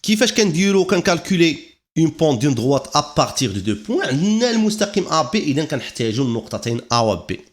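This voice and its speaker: Moroccan guy teaching a math lesson, talks fast, switches into french terms. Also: a little high, very animated. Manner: explains step by step, mixing French math terms into speech.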